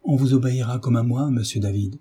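A man's voice: mid-range voice, fast, mellow, slightly rough. A man reading the part of an anxious, devout lady of the house, fervent and pleading. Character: devout, anxious noble mother.

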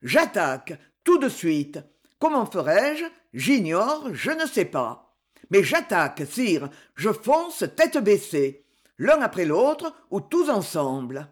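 Fiery young adventurer, impassioned and defiant, husky, played by the narrator in an audiobook. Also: mid-range voice, sing-song, slow pace. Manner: impassioned, loud, defiant outbursts. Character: proud fiery adventurer, young male swordsman. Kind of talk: audiobook character reading.

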